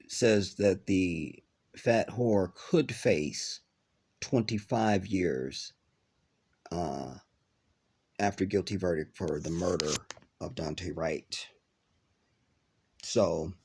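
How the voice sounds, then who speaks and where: This reaction video host has a low, husky voice made stuffy by a cold. Talking casually to his viewers, he wanders through his thoughts with many ums, stretched-out words, and trailing phrases.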